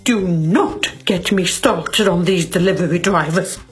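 A woman's voice: on the low side, soft background music, natural voice. A woman voicing a snobbish, fussy posh lady in a children's comedy sketch, haughty and melodramatic. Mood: indignant. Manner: haughty, dramatic, drawn-out complaints.

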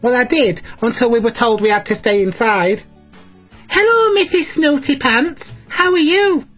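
A woman's voice: a little high, expressive, moderate pace, husky, soft background music. A woman playing a chatty, cheeky elderly granny cleaner, talking to children at home. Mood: cheery. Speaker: children's show presenter in character.

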